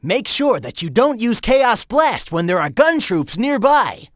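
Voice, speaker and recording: A cocky young hedgehog hero from a video game, breezy and upbeat as he coaches the player along. His voice swings up and down with lively pitch, recorded close on a studio mic, dry with no room sound. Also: measured pace, no echo, exaggerated voice.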